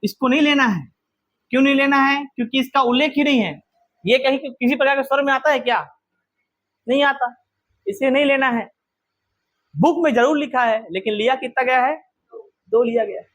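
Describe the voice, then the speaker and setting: Man, very high voice, classroom teacher, keeps quizzing students. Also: moderate pace, long pauses, fairly bright tone. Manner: quizzing students with repeated questions. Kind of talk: classroom grammar lesson.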